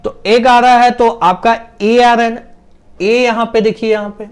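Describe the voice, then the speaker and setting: Slow, high-voiced man teaching grammar. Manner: explains step by step, asks and answers his own questions; drags out vowel sounds when demonstrating pronunciation. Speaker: English teacher. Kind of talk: classroom-style grammar lesson.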